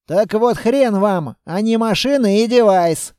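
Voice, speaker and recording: A man doing a reckless, shouting rebel. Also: high-pitched, takes it slowly, no room sound, clean studio sound. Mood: defiant. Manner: shouting and defiant. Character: reckless defiant young man, shouting threats.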